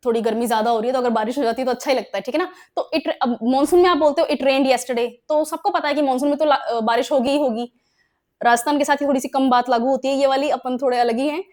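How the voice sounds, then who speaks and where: Indian woman teacher, high bright voice, grammar lesson in Hindi and English, keeps checking understanding. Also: fast talker. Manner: explains in Hindi mixed with English examples, asks frequent check questions. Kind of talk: exam-prep grammar lesson.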